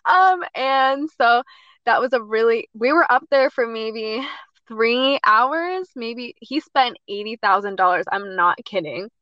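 A woman guesting on a podcast, telling a story in an animated way and laughing often. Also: a little high, measured pace, no room sound, highs cut off.

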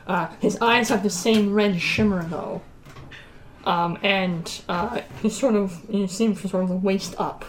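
A woman game master improvising scene narration, halting as she searches for words. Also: medium pitch, fairly even intonation, a little hiss or hum, low-quality recording.

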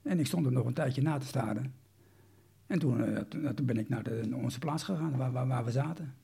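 A man's voice: medium pitch, brisk, creaky, dark tone, breathy edge. A man, recounting a personal story in an interview, hesitant with many restarts.

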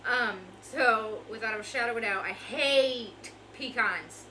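A woman's voice: a little high, unhurried, sharp tone. A young woman co-hosting a casual podcast, telling a rambling story full of swearing and asides. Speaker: podcast co-host. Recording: noisy background.

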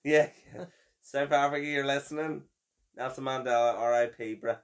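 A man's voice: medium pitch, steady tone, normal speed. A young man, co-hosting a podcast with teasing, sarcastic, sweary banter. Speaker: podcast co-host. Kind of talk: casual banter.

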